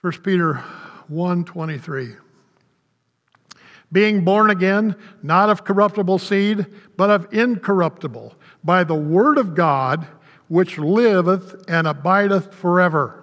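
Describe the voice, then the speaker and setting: An older man preaching a sermon as a pastor, folksy and conversational, with quick asides to the congregation. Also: high voice, fairly bright tone. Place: church sanctuary. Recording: long reverb of a church hall.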